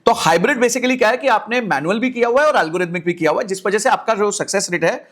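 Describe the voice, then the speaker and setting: Fast, animated Indian man explaining finance. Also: high-pitched. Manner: energetic, direct address to viewers. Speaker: finance YouTuber. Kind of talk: explainer video talk.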